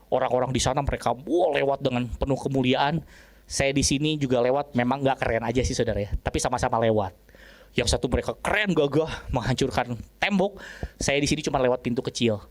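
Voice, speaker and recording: A male pastor telling a story in a sermon, often turning to his listeners and acting out voices and sound effects. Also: mid-range voice.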